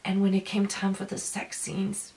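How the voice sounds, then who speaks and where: A woman giving a casual video review, ranting emphatically in a halting, repetitive way. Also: medium pitch, monotone, vocal fry, darkish tone, rough recording. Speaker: film reviewer.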